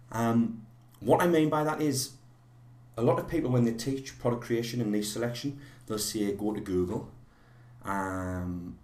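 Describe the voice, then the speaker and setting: This lowish, slightly mellow male voice is a little rough with a cold as he runs a live online class. He wanders through his points, restarting often and using lots of fillers, and the room echoes.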